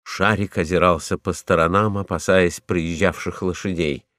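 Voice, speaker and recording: A man's voice: low-pitched, steady tone, normal speed, a bit bright, dry recording, clean studio sound. A man narrating a storybook, reading expressively.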